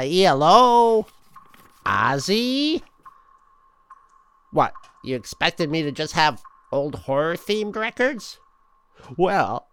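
A man's voice: a little high, sharp tone, clear, resonant tone. A man hosting in a campy horror host style, jokey and theatrical, then reading an old comic aloud.

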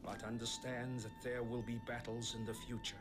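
Male actor as grave, wise mentor to young heroes, kids' superhero series, measured delivery, clear music underneath. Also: medium pitch, flat delivery, natural voice. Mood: solemn. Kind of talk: live-action kids' superhero TV drama. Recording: music behind the voice.

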